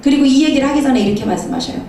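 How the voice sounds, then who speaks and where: A woman preacher giving a sermon in a church, telling a story with lively acted-out dialogue. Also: high-pitched, very fast, gravelly, a little hiss or hum. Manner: animated storytelling, acting out dialogue. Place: church sanctuary. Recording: echoey church hall from far off.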